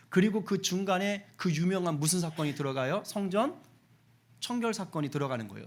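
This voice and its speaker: A man's voice: on the high side, gravelly, a bit bright. A middle-aged man preaching a Sunday sermon as pastor in a church, talking conversationally and asking the congregation questions. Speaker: senior pastor. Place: church sanctuary.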